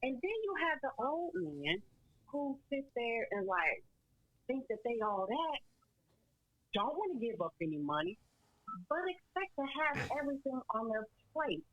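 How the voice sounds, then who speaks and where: A woman's voice: sits high, sing-song, unhurried, fairly bright tone, dry recording, muffled recording. A middle-aged woman calling in to a talk show over the phone, speaking bluntly and outspokenly about her complaints. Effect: heard over the phone. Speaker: caller. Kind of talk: call-in radio talk.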